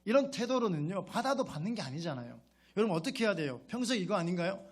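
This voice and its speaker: A man's voice: high voice, big pitch swings, fast. A male pastor preaching a sermon in a conversational way, often putting rhetorical questions to his congregation and acting out a child's grateful words.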